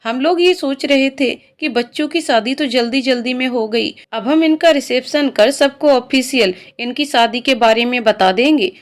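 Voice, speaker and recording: A woman's voice: high voice, normal speed, few pauses, close to an everyday voice. A woman reading the part of an agreeable old grandfather in a spoken story. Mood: cheerful.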